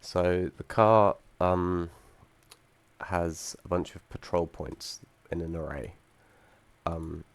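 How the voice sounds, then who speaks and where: Croaky from being under the weather, a young man with a low, gravelly voice walks through the code of his game project in a screen recording. He's a student, and his halting delivery is full of ums and restarts, with the occasional dry joke slipped in.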